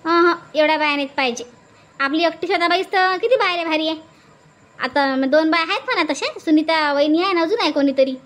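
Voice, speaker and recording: With a very high, fairly bright voice and a quick pace, a woman acts as a bossy villager in a comedy skit. She coaxes and scolds her sister-in-law without letup, insisting and repeating her urgings.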